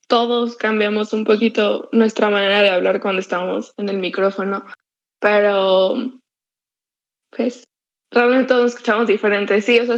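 A young woman from Mexico, co-hosting a casual podcast chat, who talks very loudly and forcefully. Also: mid-range voice. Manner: very loud, forceful way of speaking. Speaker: podcast co-host. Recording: slightly muffled lo-fi sound.

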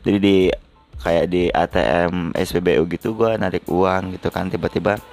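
Young man, casual vlog storytelling, slangy and chatty, low voice. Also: moderate pace, gravelly, a little mellow, soft background music. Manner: chatty, slangy, frequent fillers. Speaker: vlogger.

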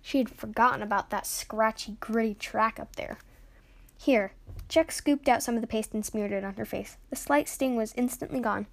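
A woman narrating a children's adventure story, reading aloud in a steady, clear way. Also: on the high side, fairly quick, few pauses.

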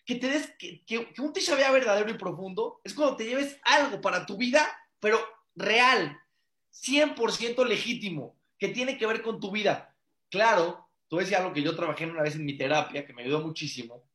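A man's voice: sits high, lively intonation, moderate pace, fairly bright tone, roomy sound. A man, a father and rabbi, teaching a religious class in an earnest, conversational way, repeating phrases for emphasis and asking many rhetorical questions. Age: adult father.

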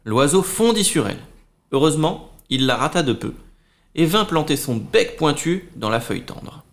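A man co-hosting a children's show, narrating a story in an expressive, melodic way. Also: fairly high pitch, moderate pace.

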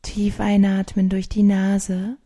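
Soft breathy lady doing sleep meditation narration, super mellow, half whispered, really slow w long pauses. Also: mid-range voice, completely flat delivery. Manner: soothing, hushed, partly whispered delivery with long pauses.

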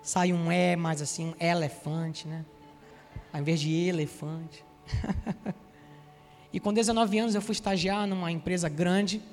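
This Bahian preacher from Salvador, Brazil, a man in his forties, weaves personal stories into his sermon and turns to the congregation with spirited asides. His voice sits high, and the sound carries a big-room feel.

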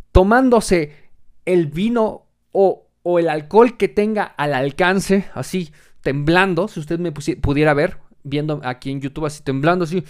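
Man, podcast host, sarcastic, profane, deadpan comedic monologue. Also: sits high.

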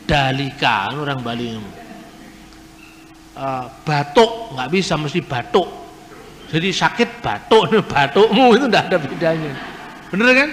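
A man's voice: a little high, expressive, unhurried, pauses often, fairly bright tone, a little hiss or hum. A man lecturing at a question-and-answer session, explaining word sounds with rhetorical questions and spelled-out letters. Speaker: speaker at a Q&A. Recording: long hall reverb.

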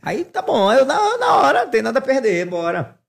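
A man, telling animated, self-mocking stories in casual chat and laughing often. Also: very high voice, a little fast, creaky, a crowd in the background. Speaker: podcast guest. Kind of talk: casual storytelling.

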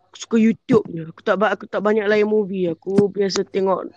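A man's voice: high voice, steady tone, fairly quick, a little mellow, no echo, highs cut off. A young man with a Malaysian accent chatting casually and bluntly, mixing in English and repeating his phrases. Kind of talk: casual chat with English mixed in.

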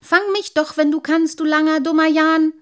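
A woman's voice: on the high side, lively intonation, normal speed, a little mellow, voice pushed up. A woman voicing a cheeky little male water sprite, bold and teasing. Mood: taunting. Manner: pert, defiant, teasing.

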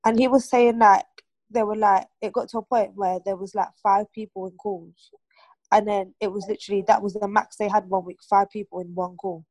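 A young woman talks in a relaxed group discussion, looping through "like" and restarting her sentences. Her voice sits close and dry, with no room around it. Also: medium pitch, moderate pace, no echo. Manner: chatty, many fillers and restarts. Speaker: aunt and mother of a toddler.

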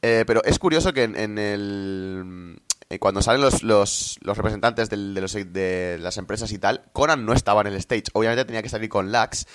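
Low-pitched man, informal wrestling commentator. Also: moderate pace. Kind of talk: wrestling commentator recapping a match, conversational.

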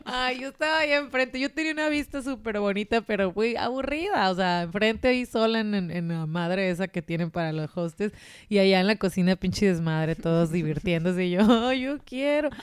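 A young woman with a Mexican accent tells stories in easy casual chat and slips into the voices of the people she quotes. Her voice is smooth and clear, of middling pitch. The sound is dry and close. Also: fairly quick, dry recording. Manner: animated storyteller acting out quoted voices.

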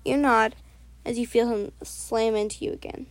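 A woman narrating a second-person audio story in a soft, unhurried read, now and then correcting herself. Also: a little high, fairly even intonation, no room sound.

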